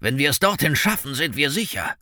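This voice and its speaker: A man reading a story aloud, voicing a rough, menacing bounty hunter in a gruff, pushy voice. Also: on the high side, big pitch swings, fairly quick, sharp tone, no room sound, studio quality, voice pushed up, exaggerated voice.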